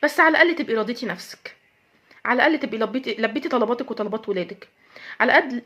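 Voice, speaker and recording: A woman's voice: a little high, a bit bright. A woman with an Egyptian accent, hosting an advice talk for women, speaking earnestly and emphatically with a lot of repetition. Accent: Egyptian Arabic. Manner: earnest, emphatic, lecturing with repeated phrases. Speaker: host giving advice to women. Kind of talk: direct-address advice talk.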